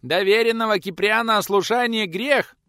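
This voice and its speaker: Man doing a loud high young male servant, pushy, shouting, self-important, dry close sound. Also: normal speed, dry recording. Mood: shrill insistent.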